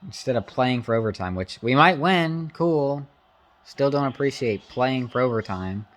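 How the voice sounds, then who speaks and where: A man giving casual, opinionated live reactions to a sports game, slangy and informal, swinging between excitement and grumbling. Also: medium pitch, normal speed.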